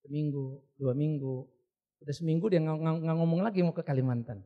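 A man's voice: on the high side, fairly quick, phone-quality sound. A male pastor giving a sermon in a blunt, joking, direct way.

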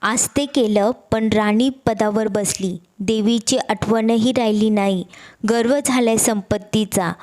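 A woman's voice: medium pitch, steady tone, slow, darkish tone, lightly acted. A woman voicing a poor old woman, a disguised goddess, who scolds with bitterness. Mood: indignant.

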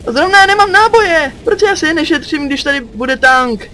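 Teen male let's-player from Czechia, very high and bright, jumpy, curses at monsters. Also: animated, a little hiss or hum. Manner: jumpy, yelps and curses at enemies. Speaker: gaming channel host. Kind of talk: let's play commentary.

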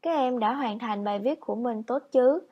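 A woman teacher narrating a scripted lesson for children, instructive, reading example sentences out slowly like dictation. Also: on the high side, husky, lo-fi sound. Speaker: primary school teacher. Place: voice-over on lesson slides.

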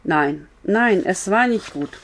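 A woman's voice: mid-range voice, animated, slow. A woman reading a story aloud, voicing a timid, tearful young girl in a pleading, strained voice.

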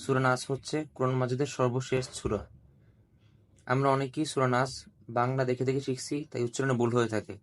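A man teaching Quran recitation, spelling out letters and vowel marks and repeating each syllable slowly, with drawn-out melodic chanting of the verses. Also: mid-range voice, level tone. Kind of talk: slow letter-by-letter recitation lesson.

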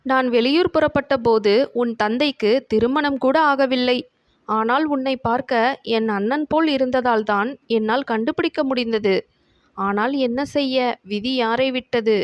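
A woman's voice: on the high side, measured pace, no room sound, lightly acted. A woman voicing a sly, scheming old sorcerer. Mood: feigned grief. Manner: sly, syrupy, feigning grief. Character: scheming older male sorcerer, falsely affectionate.

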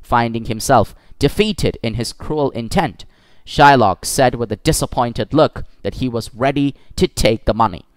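A man narrating a classic story for schoolchildren in an expressive manner, with occasional slips. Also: medium pitch, unhurried, no echo.

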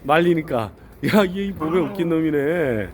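A man's voice: a little high, expressive, measured pace, heavy background noise. A man filming his dogs, giving a chatty running commentary and calling out to them between laughs. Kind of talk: casual running commentary to camera.

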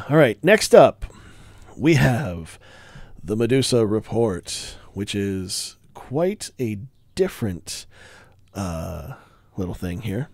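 A man's voice: on the low side, sing-song, takes it slowly, darkish tone, breathy edge, dry recording. A man giving a casual board game review, rambling with wry asides and breaking off mid-thought.

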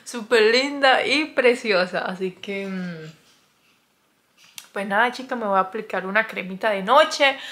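A young woman talking to her phone camera in a casual confessional vlog, chatty and dramatic, with nervous laughs and soft murmured asides. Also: mid-range voice, unhurried. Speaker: vlogger.

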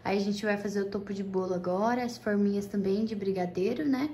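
A woman's voice: medium pitch, a little fast, loud music behind the voice. A young Brazilian woman vlogging at home in a chatty, casual way, full of cute diminutives. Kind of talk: casual vlog chat.

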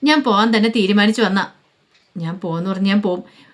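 A woman voicing a quiet, hurt young woman who talks in a soft, resigned way in a told story. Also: mid-range voice, fairly quick, close to an everyday voice.

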